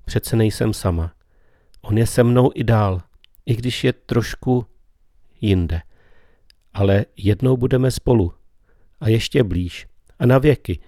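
A man gives a slow, meditative spiritual talk as a preacher. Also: lowish voice, dark tone, no echo, studio quality.

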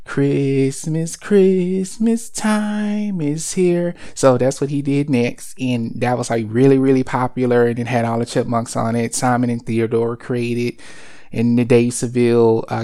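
A man with a smooth, clean-sounding voice hosts a relaxed monologue. He wanders from point to point, leaning on ums and likes and stopping to correct himself. His pitch sits in an ordinary middle range. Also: moderate pace. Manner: rambling, full of fillers and self-corrections. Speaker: host of a cereal and cartoon segment. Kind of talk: casual rambling monologue.

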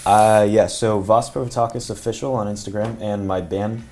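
A man's voice: on the low side, fairly even intonation, normal speed, warm tone. A man, a musician guest on a podcast, musing in casual chat with lots of ums. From Mexico. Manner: reflective, filler-heavy, musing.

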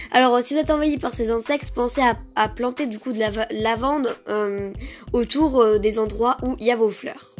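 A young woman hosting a casual gardening podcast, talking with many fillers and restarts. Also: on the high side. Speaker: podcast host.

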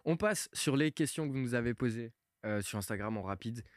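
A young man from Switzerland hosting a casual podcast chat, joking and often trailing off into a quieter voice. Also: mid-range voice, lively intonation, fairly quick, dry recording, clean studio sound. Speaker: podcast host.

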